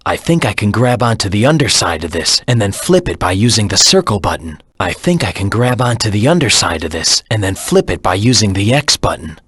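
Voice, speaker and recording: Cool brooding hedgehog antihero, raspy, lowish pitch, terse deadpan delivery, video game tutorial lines. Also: male voice, no room sound, studio quality, heavily acted. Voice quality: low, husky rasp. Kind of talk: scripted game tutorial voice acting.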